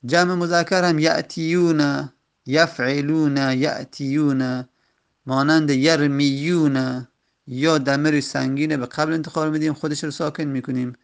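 A man with a gravelly, slightly high voice teaches a grammar lesson. He works through each rule step by step and pauses between short phrases. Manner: methodical, explains step by step with pauses.

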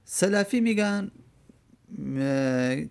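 A man's voice: high voice, expressive, darkish tone, smooth. A man giving a religious lecture, explaining a quoted Arabic verse word by word and repeating key terms. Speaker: religious teacher. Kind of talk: classroom lecture explaining a hadith text.

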